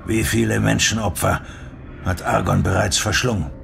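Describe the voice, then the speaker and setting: Brief: male reader as a wild-eyed, threatening stranger, raspy and low, growling. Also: steady tone, normal speed, a bit bright. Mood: shaken. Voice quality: scratchy, rough voice. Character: gaunt wild-eyed man, menacing, grim.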